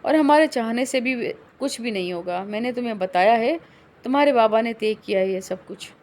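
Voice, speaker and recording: Calm strict mom laying down the rules, matter of fact, woman reading her. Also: fairly high pitch, close to an everyday voice. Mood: firm. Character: firm, calm middle-aged mother. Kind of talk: audiobook novel reading.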